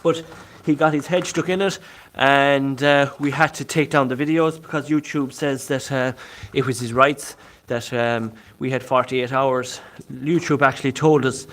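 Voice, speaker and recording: A Galway man with a west of Ireland accent chats casually and ramblingly on a live vlog, often repeating himself as a live-streaming paranormal investigator showing historic sites. His mid-range voice is steady and fairly bright, at a normal speed with few pauses.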